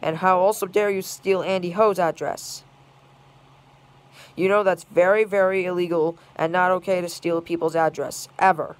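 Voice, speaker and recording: A furious scolding rant in a smooth, clean-toned voice set at a middling pitch. The speaker piles grievance upon grievance in long run-on chains, circling back to the same phrases over and over. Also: fairly even intonation, moderate pace. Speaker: video maker.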